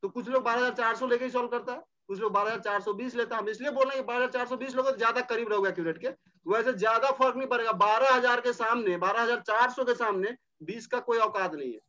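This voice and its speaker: A man's voice: extremely high pitch, fast, pushed and bright. A man teaching a casual chemistry class, talking students through problems and repeating numbers as he works. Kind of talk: informal chemistry lecture. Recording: dull lo-fi audio.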